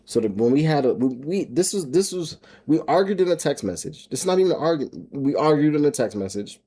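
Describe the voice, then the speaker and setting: A man's voice: on the high side, animated, quick pace, dark tone, husky. A middle-aged man venting in a rambling, profane vlog monologue, stumbling and repeating his words. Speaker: homestead vlogger and single dad.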